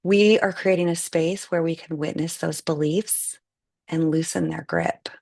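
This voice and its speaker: A meditation guide leads a group through a live guided meditation in a lowish, steady voice with lots of vocal fry. Her instructions are slow and gentle, and the recording is dry and close, with no sense of a room.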